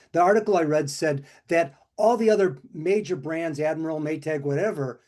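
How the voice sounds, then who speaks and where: A man's voice: high voice, dark tone. An older man co-hosting a casual chat, telling stories in a rambling way with many restarts and fillers. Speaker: co-host.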